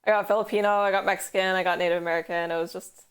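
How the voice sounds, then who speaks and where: A young Canadian woman with a West Coast accent chats casually on a stream, rambling through stories and saying "like" constantly. Her voice sits fairly low, with fairly even intonation and a clear, resonant tone, and she talks very fast. She's recorded on a headphone mic.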